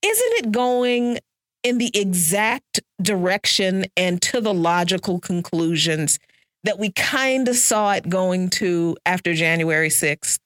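A woman hosting a talk radio show, lively and laughing as she talks. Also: on the low side, takes it slowly, no room sound, clean studio sound. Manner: lively, laughs while talking. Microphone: studio microphone.

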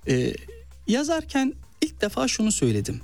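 A man's voice: high voice, normal speed, creaky, soft background music. A man from eastern Turkey with an eastern Turkish accent, a novelist and actor telling stories in an interview and acting out quoted speech. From Malatya, eastern Turkey. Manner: animated storyteller, acts out quoted speech. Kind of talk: interview storytelling.

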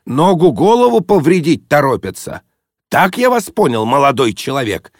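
A man voicing a grumpy old father with a bandaged head who talks gruffly, sighing and groaning. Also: on the high side, very animated, normal speed, no room sound, clean studio sound, voice pushed up.

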